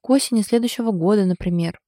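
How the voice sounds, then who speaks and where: A woman's voice: medium pitch, fast, no room sound, clean studio sound, lightly acted. A woman reading the lines of a stubborn, ironic young wife in an audiobook. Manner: ironic, sulky, sharp.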